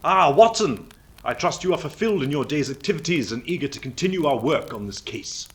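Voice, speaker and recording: Guy playing a bossy keen detective, lively swoopy voice. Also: on the high side, fairly quick, close to an everyday voice. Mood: brisk. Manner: commanding, animated, confident. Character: brisk eager male detective.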